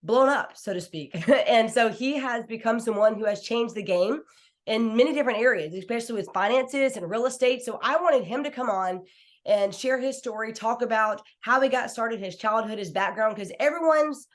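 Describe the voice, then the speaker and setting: A woman's voice: fairly high pitch, normal speed. An American woman in her thirties, hosting a podcast in an informal, conversational, enthusiastic way. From small town in Washington, United States. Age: 30s. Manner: enthusiastic, informal, uses y'all and like. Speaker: podcast host. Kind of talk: chill, conversational interview hosting.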